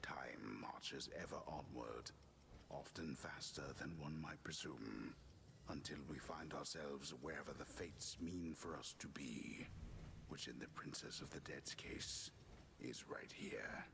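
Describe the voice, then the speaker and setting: A man voicing a solemn, ancient storyteller in a video game, narrating in a measured, portentous way. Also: a bass voice, fairly bright tone, full character voice. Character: solemn, ancient male storyteller, grave and unhurried. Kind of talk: dramatic scripted narration. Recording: clear background noise.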